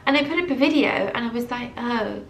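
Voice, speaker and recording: Woman in her early thirties, casual motivational vlog, emphatic, somewhat high voice, echoey room, a bit off mic. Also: brisk, distant mic, a little hiss or hum. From England. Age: early 30s. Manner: animated, emphatic repetition. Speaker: vlogger. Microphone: camera mic.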